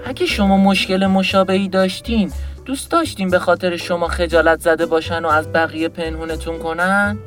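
A man's voice: high-pitched, a bit bright, soft background music, pitched above the performer's own voice. A man voicing a frank, caring boy in a storybook reading, with a raised boyish put-on voice. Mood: earnest. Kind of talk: storybook voice acting.

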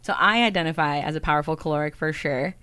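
A woman's voice: low-pitched, quick pace, bright, forceful tone, smooth. A woman hosting a podcast, upbeat and chatty, who laughs easily as she interviews a guest. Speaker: podcast host.

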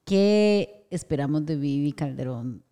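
A woman's voice: sits low, a little slow. A woman hosting a podcast, chatting casually and acting out quotes with feeling. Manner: expressive, acts out quotes. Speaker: podcast host. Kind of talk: casual chat. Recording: long reverb.

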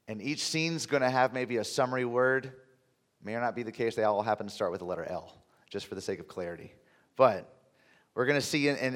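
A man preaching a conversational sermon in a deep, under-the-weather voice, with halting, emphatic phrasing. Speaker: pastor. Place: large reverberant room, preaching to a congregation. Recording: reverberant hall sound.

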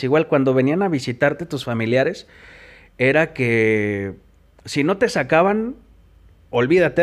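Profane Mexican man telling his story. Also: on the high side. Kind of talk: personal testimony.

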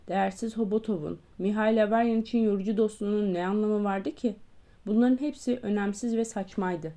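A woman narrating a literary audiobook in a measured, even storytelling manner. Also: medium pitch. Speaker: audiobook reader.

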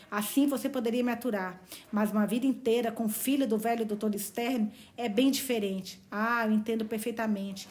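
A woman's voice: a little high, darkish tone, natural voice. A woman reading the lines of an ardent, blunt young man from a novel.

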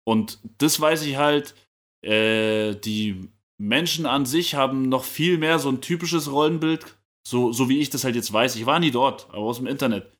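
A man's voice: medium pitch, normal speed, a bit bright. A young man co-hosting a podcast, talking casually in slangy, laid-back chat. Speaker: podcast co-host.

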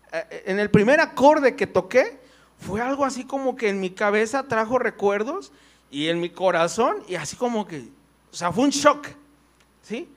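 A man preaching a conversational sermon in church. He tells personal stories, full of fillers and "right?" tags. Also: sits high.

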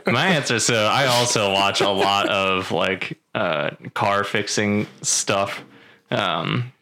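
A man's voice: on the low side, slow, sharp tone. A young man co-hosting a podcast, telling stories in a laid-back casual chat and laughing often. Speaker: podcast co-host.

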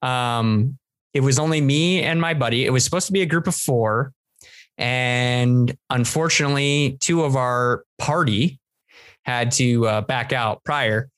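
A man's voice: mid-range voice, a little slow, a bit bright, no echo. A man from San Diego, a podcast co-host, telling a long story in casual chat with lots of restarts. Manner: rambling storyteller, many restarts.

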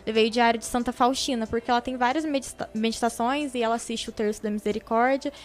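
A young adult woman, a podcast guest, telling a personal story in an animated, emotional way. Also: fairly high pitch, fast. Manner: animated, emotional storyteller who acts out quoted voices.

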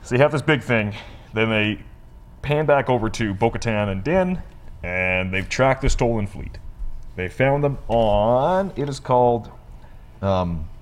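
A man's voice: medium pitch, animated. A man co-hosting a review show, casually recapping an episode and briefly acting out lines the characters say. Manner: rambling recap with quick acted-out quotes. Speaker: podcast co-host reviewing a TV episode.

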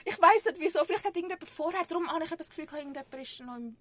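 A woman with a Swiss German accent, co-hosting a podcast and telling a story in casual chat, animated and often laughing. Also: extremely high pitch, racing. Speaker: podcast co-host.

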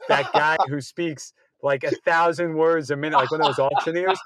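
A man's voice: a little high, steady tone, normal speed, a bit bright, dry recording, clean studio sound. A man hosting an interview show, enthusiastic and full of fillers like "like" and "uh". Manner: enthusiastic, filler-heavy rambling. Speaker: podcast host. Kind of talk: casual chat.

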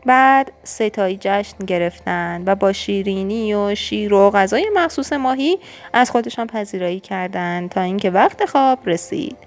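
A woman reading a children's storybook aloud in a calm narrating voice. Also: medium pitch.

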